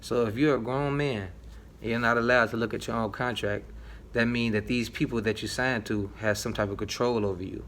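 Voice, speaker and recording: A man's voice: mid-range voice, fairly even intonation, a little fast, a bit bright. A man giving casual, slangy and emphatic opinion commentary, his voice slightly muffled by a face mask. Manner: slangy, emphatic, repeating appeals to listen. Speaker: YouTube news commentator. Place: office, indoors. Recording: clear background noise.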